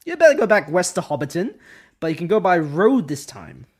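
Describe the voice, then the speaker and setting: A blunt farmer shooing strangers off his land, as a man reads him. The voice is raised and loud, with a brusque, lively swing. It reads as a casual table-read. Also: high voice, fairly quick. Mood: gruff. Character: gruff male hobbit farmer.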